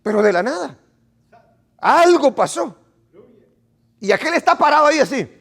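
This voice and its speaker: A male pastor preaching a sermon to his congregation in an animated way, often repeating and restarting his words. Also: extremely high pitch, normal speed. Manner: animated, acts out what his congregation says.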